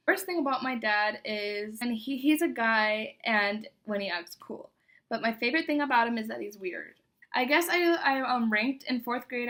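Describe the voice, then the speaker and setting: A woman's voice: a little high, fairly bright tone. A young woman chatting casually to viewers as she reads aloud from an old diary, embarrassed and poking fun at herself. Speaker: vlogger.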